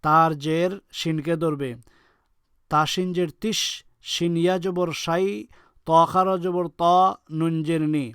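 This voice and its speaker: A man teaching Quran reading, spelling out letters and vowel marks slowly and then blending them into whole words. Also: a little high, level tone, a bit bright, smooth, dry recording, clean studio sound. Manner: slow, drawn-out recitation of syllables, then blends them into words.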